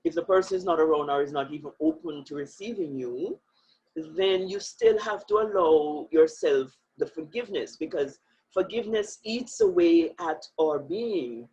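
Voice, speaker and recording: A woman appears as an interview guest, reflecting earnestly and emphatically and often bursting into laughter. Her low voice is very animated, warm and slightly rough, at normal speed. The audio is muffled and lo-fi.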